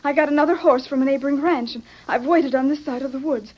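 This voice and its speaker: A woman's voice: high-pitched, fairly even intonation, fast talker, a little mellow, natural voice. An American woman playing a brave, earnest young western ally, anxious and pleading in melodramatic old radio style. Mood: remorseful. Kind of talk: 1940s-50s radio western acting. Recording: dull vintage radio recording.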